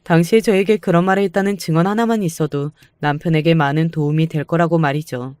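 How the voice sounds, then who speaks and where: A woman calmly narrating a first-person family story in radio story style, firm in tone. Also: low voice, fast, no echo, clean studio sound.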